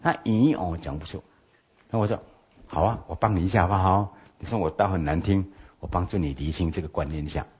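A man teaching a lecture on logical fallacies as a pastor, with a very deep and husky voice. He keeps checking in with his listeners for agreement. The recording sounds dull and lo-fi. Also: quick pace, a little mellow. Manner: asks listeners for assent with frequent OK.

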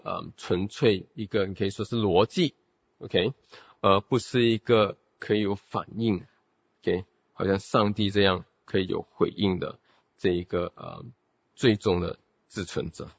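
A man's voice: low-pitched, unhurried, gravelly, husky, no echo. Guy teaching theology, keeps saying ok, asks the class rhetorical questions, dull recording. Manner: peppers speech with "OK" and English terms; explains step by step with rhetorical questions. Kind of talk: theology lecture.

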